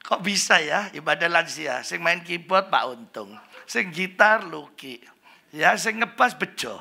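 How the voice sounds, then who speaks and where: Joking preacher, gravelly bright voice. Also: male voice, on the high side, lively intonation, a little slow. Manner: chatty, joking, slips into Javanese, mimics Chinese greetings. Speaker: pastor. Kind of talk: humorous sermon. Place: church hall.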